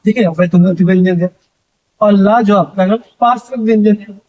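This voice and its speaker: High-voiced man teaching an exam-prep lesson. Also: normal speed. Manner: asks the class questions and answers them himself. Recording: dull lo-fi audio.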